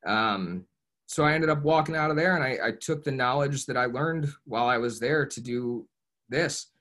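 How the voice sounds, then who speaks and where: A man's voice: mid-range voice, moderate pace, a bit bright. Earnest young man sharing his story. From Ohio, USA. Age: young adult. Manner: earnest, reflective storytelling with frequent restarts and "you know". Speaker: podcast guest. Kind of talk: casual podcast interview.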